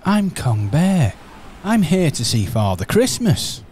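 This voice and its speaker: A man's voice: a little high, big pitch swings, slow, darkish tone, slight background noise. A man voicing a polite, earnest male teddy bear in an amateur radio pantomime, talking in a slightly bewildered way.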